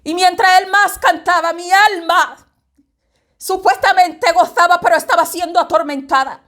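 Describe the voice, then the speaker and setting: A woman's voice: extremely high pitch, steady tone, normal speed, a bit bright. A woman giving a fervent religious reflection, often repeating herself and speaking straight to the listener. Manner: fervent, repetitive, addresses the listener directly. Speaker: evangelical preacher.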